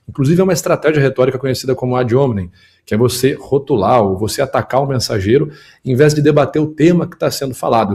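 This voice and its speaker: A man hosting a political commentary show, breaking down clips quickly and emphatically for his viewers. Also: mid-range voice, a little mellow. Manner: quick, emphatic, analytical, talks to the audience and production. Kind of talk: video commentary and analysis.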